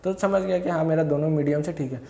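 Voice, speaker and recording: A man's voice: a little high, fairly even intonation, fast talker, mellow. A young man from India, telling a rambling, self-correcting story of his own as a vlogger. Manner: rambling, self-correcting, quotes others in short bursts. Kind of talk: casual first-person recounting. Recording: echoey room.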